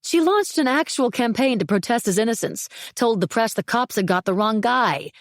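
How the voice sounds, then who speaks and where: A woman's voice: a little high, animated, moderate pace, no echo, clean studio sound, pitched above the performer's own voice, lightly acted. A woman voicing a brash, outspoken, overloud woman who talks bluntly and derisively.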